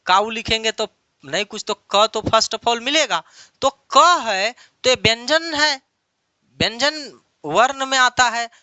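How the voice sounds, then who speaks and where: A man's voice: extremely high pitch, pushed and bright, clear, resonant tone, no room sound. A man teaching an online English lesson, explaining patiently and repeating key phrases many times over.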